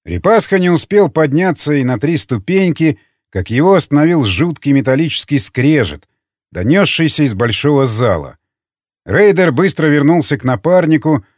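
A man narrating an audiobook in a measured, expressive storytelling manner. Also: on the high side, no room sound, studio quality. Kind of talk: scripted narration.

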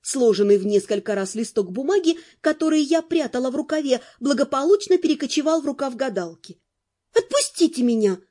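A woman reads a fantasy novel aloud in first person, with a high voice. Her storytelling is lively and easy to follow. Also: brisk, hardly any pauses. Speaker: audiobook narrator. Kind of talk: audiobook reading of romantic fantasy.

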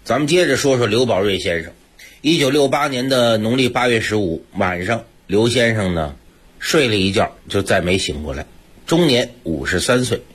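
Brief: male radio host, husky voice, lively pitch, measured and reflective. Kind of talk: radio program narration.

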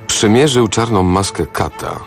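Brief: deep-voiced male narrator, gravelly, animated radio audiobook delivery, soft music bed. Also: a little slow. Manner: expressive, acts out each character. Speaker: reader. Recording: radio studio with faint music.

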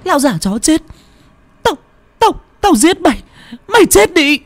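A man's voice: very high-pitched, very animated, unhurried, voice pushed up, heavily acted. A man voicing a crazed young woman in a murderous frenzy, shrieking and stammering threats. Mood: frenzied screaming.

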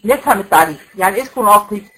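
Poor audio carries this woman's animated, very fast delivery, sharp in tone with a breathy edge at medium pitch. She has an Egyptian Arabic accent and teaches recitation to women, explaining rules in steps and asking questions she then answers herself.

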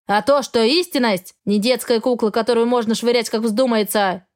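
A woman voicing a cold, arrogant male dragon husband who speaks in a flat, indifferent tone. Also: mid-range voice, fairly quick, close to an everyday voice. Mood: angry.

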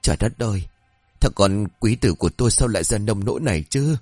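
A frightened old man , as a male narrator puts him on whimpers and pleads in an audio story. The voice sits low but swings widely, and the sound is close and dry. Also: lively intonation, fairly quick, darkish tone, dry recording, faint music behind. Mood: worried. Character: frightened old father, fussy and panicky.

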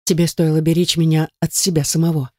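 A tearful, defiant young daughter in an audiobook, voiced by a male reader. Her lines come in a lifted, pleading tone. The voice is warm and mellow, and the recording is dry. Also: fairly high pitch, monotone, fast talker, no echo, lightly acted. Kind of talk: audiobook reading.

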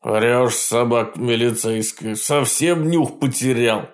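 Guy doing a squeaky blustering old sorcerer villain, boastful and grumpy, voice jumps all over. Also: sing-song, slow. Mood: grumbling. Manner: indignant, blustering, squeals when hurt. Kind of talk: audiobook character voice.

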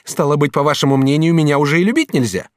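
A man voicing a devoted, proud and quick-tempered young woman servant in an audiobook, with emphatic, pleading exclamations. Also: on the high side, no room sound, clean studio sound, pitched above the performer's own voice, lightly acted. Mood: indignant. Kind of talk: audiobook character reading.

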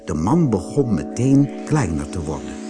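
A man reading a fairy tale aloud as a storyteller, slow and very expressive. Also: fairly low pitch, over music.

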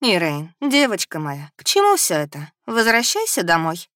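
A woman's voice: lowish voice, huge pitch swings, normal speed, a bit bright, dry recording, clean studio sound. A woman voicing a fussy middle-aged noble mother, pleading and reproachful.

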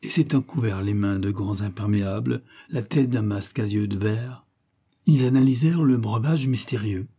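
A male narrator reads a short story aloud in a measured, theatrical way. His voice is mellow and dark, with a husky edge. The delivery is steady and unhurried. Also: fairly low pitch.

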